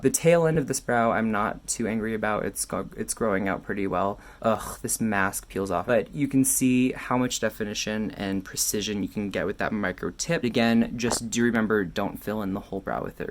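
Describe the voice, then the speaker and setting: A man giving a casual makeup tutorial while tipsy from wine, candid and cheeky, rambling and correcting himself as he goes. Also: on the low side. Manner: rambling, self-correcting, loses train of thought. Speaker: makeup reviewer.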